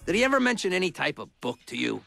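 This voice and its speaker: Gravelly tough-guy agent. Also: high-pitched, very animated, racing, fairly bright tone, faint music behind, exaggerated voice. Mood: wisecracking. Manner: tough-talking, sarcastic. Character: gruff tough-guy male agent, wisecracking. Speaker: interrogating agent. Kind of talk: video game cutscene voice acting.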